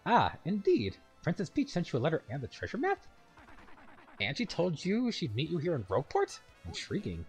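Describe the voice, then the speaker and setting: A man's voice: on the high side, wildly swooping pitch, moderate pace, soft background music, voice pushed up. A man reading aloud as a fussy elderly male mushroom royal attendant in a video game, formal and old-fashioned.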